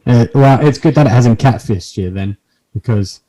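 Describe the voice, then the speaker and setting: A man's voice: medium pitch, moderate pace, warm tone, slight background noise, poor audio. A man chatting casually as a podcast host, with dry, self-deprecating, sweary humour. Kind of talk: casual comic chat.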